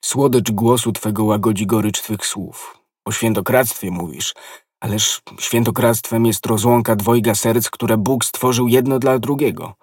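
A man's voice: lowish voice, steady tone, measured pace, darkish tone, breathy edge, dry recording, clean studio sound, recorded from a distance. A man reading an ardent lovesick nobleman. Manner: passionate, impassioned declarations. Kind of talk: audiobook character reading.

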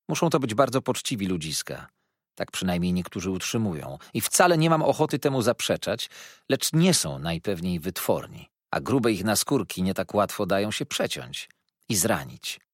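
A man reading an audiobook voices a confident young gentleman with a cool, dismissive manner. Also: lowish voice, no echo, clean studio sound.

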